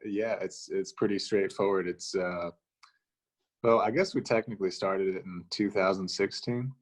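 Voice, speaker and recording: A man's voice: sits low, steady tone, normal speed. A male musician being interviewed over a video call. He speaks in a laid-back, thoughtful way with dry humor. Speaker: musician guest. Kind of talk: casual interview chat.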